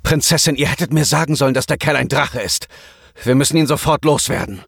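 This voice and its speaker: A man reading a German audiobook, voicing a hot-headed, hostile male bodyguard who blusters forcefully. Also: mid-range voice, a little fast, gravelly, breathy edge, no echo, studio quality, pitched above the performer's own voice.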